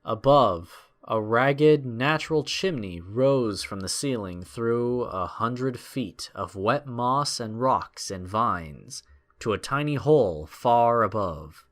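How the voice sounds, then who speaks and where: A man with a mid-range voice narrates a scripted adventure story, taking a measured, expressive, and dramatic storytelling approach.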